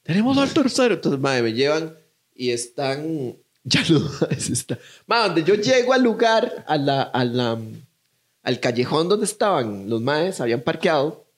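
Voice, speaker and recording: A man's voice: fairly high pitch, animated, measured pace. A young man with a Costa Rican accent telling a story in casual chat, acting out voices as he goes.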